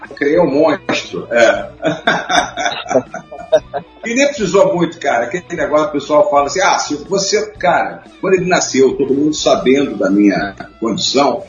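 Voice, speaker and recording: A man talking casually on a radio show, telling lively stories with frequent laughs. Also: fairly high pitch, moderate pace. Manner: animated storyteller, laughs often. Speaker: guest. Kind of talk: casual chat. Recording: muffled roomy sound with faint music.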